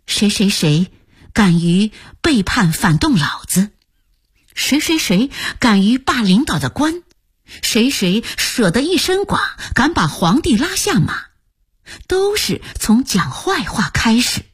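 Woman, audiobook narration, breathy, very dry sound. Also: fairly high pitch, very animated, slow, no room sound. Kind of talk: scripted novel narration.

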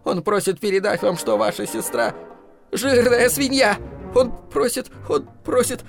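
A man doing a shrill, panicky young messenger. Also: measured pace, darkish tone, soft background music, close to an everyday voice. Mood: panicked.

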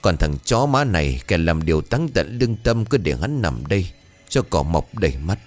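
A man's voice: sits low, big pitch swings, moderate pace, faint music behind. A man voicing a furious, grieving middle-aged village lord who gives harsh, teeth-gritted commands.

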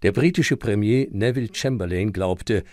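Man, deep voice, scripted documentary narrator, dry studio-like sound. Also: moderate pace, a little mellow, dry recording.

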